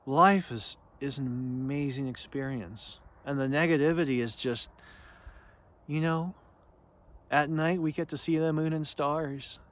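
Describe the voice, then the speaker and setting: A man's voice: fairly high pitch, fairly bright tone. A man giving an unscripted spiritual talk as teacher, earnest and reflective, often restarting and searching for words. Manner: halting and searching, frequent restarts and "you know".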